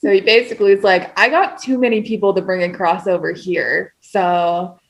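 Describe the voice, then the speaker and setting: A woman's voice: mid-range voice, steady tone, normal speed, vocal fry. A woman hosting a casual podcast, retelling an old poem in slangy paraphrase and reading passages aloud. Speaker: podcast host.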